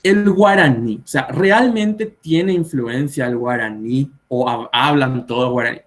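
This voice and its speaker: A man's voice: medium pitch, measured pace. Young paraguayan guy, spanish teacher, patient, lots of "eh" and examples, live stream. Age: 20s. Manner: explains patiently with spoken examples and fillers. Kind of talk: explanatory talk on pronunciation. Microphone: live video stream.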